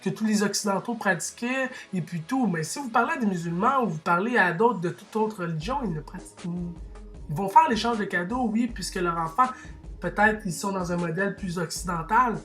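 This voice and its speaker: A man's voice: sits high, fairly quick, bright, forceful tone, faint music behind. Impassioned Québécois man ranting. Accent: Québécois French. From Quebec. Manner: impassioned, argumentative, full of restarts and asides. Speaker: vlogger. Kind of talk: opinion rant to camera.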